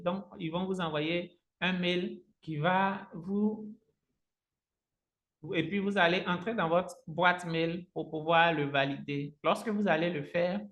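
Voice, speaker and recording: With a high, slightly bright voice, a native Agni-speaking man teaches a live software tutorial online while sharing his screen. He walks through it step by step and repeats phrases, and his voice echoes around a roomy space.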